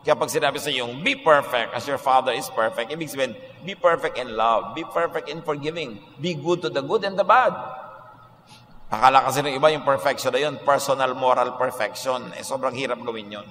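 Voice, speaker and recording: A man's voice: medium pitch, fairly quick, fairly bright tone, in a large hall, slight background noise. A man preaching a radio sermon, emphatic and mixing Tagalog with English. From Philippines. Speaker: pastor.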